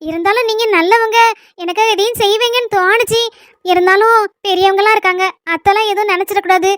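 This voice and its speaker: Brief: a woman playing a chattering young wife, Kanyakumari Tamil accent, very high and bright. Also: fairly even intonation, fast, dry recording, clean studio sound. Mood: hesitant. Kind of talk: cartoon voice acting.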